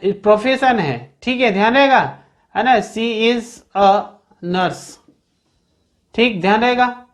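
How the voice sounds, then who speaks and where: A patient classroom voice that walks through each rule step by step. The speaker stops again and again to ask whether the point is clear and to remind listeners to keep it in mind. Example sentences are spoken slowly and deliberately. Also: medium pitch. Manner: checks understanding constantly with repeated "okay, keep in mind"; slows down to spell out example sentences. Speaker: teacher. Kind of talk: explaining a grammar lesson.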